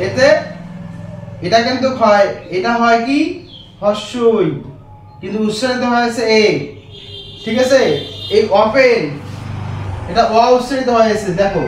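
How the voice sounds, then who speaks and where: A man's voice: very high voice, a little hiss or hum. A man teaching an English grammar lesson to students, repeating points and checking in with "right?" again and again. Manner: repetitive, checks in with "right?" often. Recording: echoey room, mic far away.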